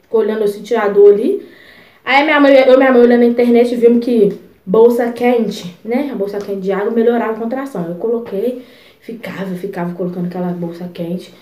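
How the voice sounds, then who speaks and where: A young woman vlogger telling a personal story in a chatty, expressive way, full of asides. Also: on the high side, a little fast, echoey room. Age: young adult. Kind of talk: casual storytelling.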